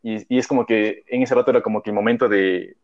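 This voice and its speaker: A man's voice: lowish voice, fairly even intonation, fast. A young man, telling a story in casual chat, rambling and full of slang and fillers. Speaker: podcast co-host. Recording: dull lo-fi audio.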